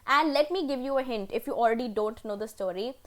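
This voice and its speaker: A woman teacher from India retelling a story in an online class, chatty and animated with fillers. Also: on the high side, quick pace.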